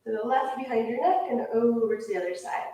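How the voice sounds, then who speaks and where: Calm woman cueing yoga breaths. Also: a little high, quick pace. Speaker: yoga teacher. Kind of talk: guided yoga class instruction. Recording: echoey room, voice from far off.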